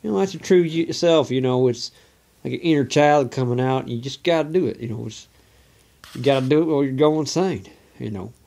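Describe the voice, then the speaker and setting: A man's voice: medium pitch, fairly quick, creaky, mellow. A man from Oregon putting on a Southern US redneck drawl, rambling casually to a phone camera and leaning on "you know" constantly. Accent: put-on Southern US redneck drawl. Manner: folksy, leans on "you know" constantly, loose and meandering. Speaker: vlogger.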